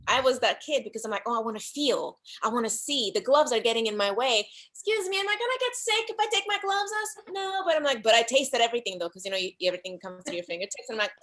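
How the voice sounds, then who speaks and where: A woman guest from the Dominican Republic, chatting casually about her life in an interview over a video call, animated and often laughing. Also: fairly high pitch, quick pace, few pauses, low-quality recording. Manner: animated storyteller, laughs often, acts out voices. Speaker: guest actress.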